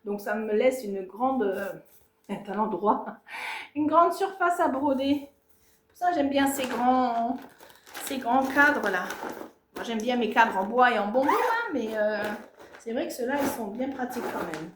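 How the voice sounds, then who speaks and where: A woman's voice: fairly high pitch, a little slow, echoey room, background noise. A woman presenting her cross-stitch projects in a casual, self-mocking home vlog, full of fillers and asides, filmed on a tripod. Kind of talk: casual show-and-tell vlog. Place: home, filming herself on a tripod. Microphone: tablet or camera on a tripod.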